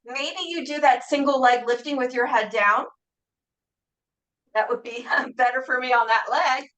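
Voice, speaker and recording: Woman fitness instructor, high bright voice, calm encouraging class cues. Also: a little slow, rough recording. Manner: calm, encouraging, asks reflective questions. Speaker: Pilates instructor. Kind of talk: guided exercise class cueing.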